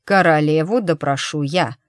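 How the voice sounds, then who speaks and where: Woman voicing a sharp protective young man. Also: sits low, moderate pace, dry recording, clean studio sound, close to an everyday voice. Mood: firm. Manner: urgent, sharp.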